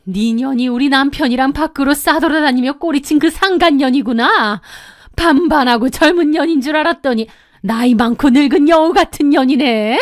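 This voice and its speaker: A woman's voice: mid-range voice, expressive, takes it slowly, hardly any pauses, darkish tone, no echo, studio quality, pitched below the performer's own voice. A woman voicing a furious wife in her forties who spits coarse insults at her husband's mistress. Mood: seething.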